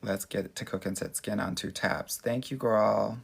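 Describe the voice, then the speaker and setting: A low-voiced American man chats like everyone's sassy best girlfriend on a casual livestream. His delivery is effusive and girly, with plenty of gravelly fry underneath. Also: fairly even intonation, measured pace. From Los Angeles, United States. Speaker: dating coach and livestream host. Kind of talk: casual livestream chat answering viewer questions.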